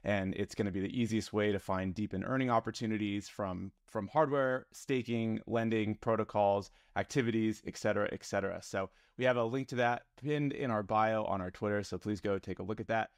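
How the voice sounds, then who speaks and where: A man's voice: on the low side, brisk, hardly any pauses, dry recording, clean studio sound. A man hosting a podcast, introducing his guest in an upbeat, friendly way. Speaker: podcast host.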